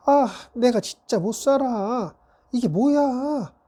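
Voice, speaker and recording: A woman voicing an irritated mother who scolds her husband and child in a sharp, nagging tone. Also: on the high side, expressive, takes it slowly, voice pushed up.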